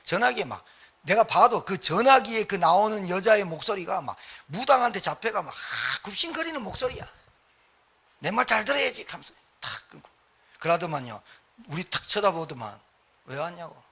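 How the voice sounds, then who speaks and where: Middle-aged pastor guy preaching, tells stories all acted out, high bright voice, bit husky. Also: fairly quick. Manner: animated storytelling, acting out scenes, swings between loud and hushed. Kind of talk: sermon with personal storytelling.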